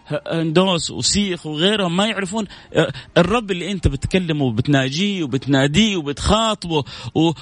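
A man hosting a live stream, reading viewer messages and answering with blessings, prayers and light jokes. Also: a little high. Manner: warm, preachy, heaps blessings, jokes with viewers. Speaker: host reading viewer comments.

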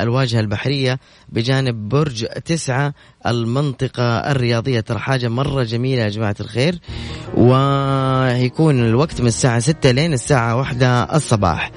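A man hosting a call-in radio show, talking fast and teasing his callers. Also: mid-range voice. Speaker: radio host. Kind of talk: lively call-in radio chat.

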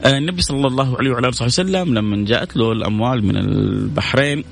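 A man's voice: medium pitch, very fast, vocal fry. A man preaching in a live-streamed religious talk, speaking to his listeners directly and repeating phrases for emphasis. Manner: conversational, addresses listeners directly.

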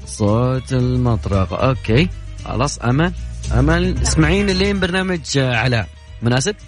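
A man's voice: medium pitch, expressive, fairly quick, soft background music. A man with a Saudi Gulf accent hosting a call-in radio show, chatting and joking with callers. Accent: Saudi Gulf Arabic. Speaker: radio host.

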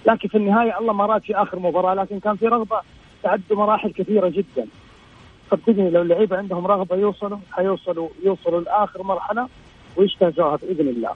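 A man's voice: high-pitched, steady tone, rapid-fire. Man on a phone line breaking up. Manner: earnest, repeats himself. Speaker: radio call-in caller. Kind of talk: casual call-in chat. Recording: husky, tinny phone line.

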